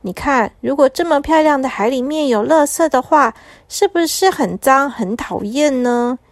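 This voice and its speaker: A woman voicing a kindly female sea turtle who gently teaches children to look after the sea. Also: sits high, lively intonation, normal speed, dry recording, clean studio sound. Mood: caring. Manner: gently instructive.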